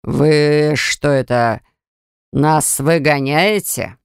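A narrator voicing a pompous, boastful older rich man who talks down to people, in a slow, lowered, gravelly voice. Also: steady tone, dry recording, studio quality. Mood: offended. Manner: boastful, patronizing. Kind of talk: audiobook character voice.

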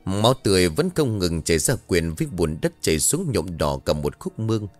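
Low-voiced male horror narrator. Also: very animated, faint music behind. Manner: slow, dramatic storytelling. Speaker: storyteller.

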